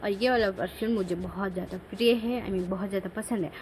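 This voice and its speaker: A woman's voice: medium pitch, fairly even intonation, fast, slight background noise, low-quality recording. A young woman vlogging at home, chatting her way through getting ready and often correcting herself mid-sentence. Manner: rambling, self-correcting, homely. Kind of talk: chatty get-ready-with-me narration. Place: home bedroom. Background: child crying and shouting.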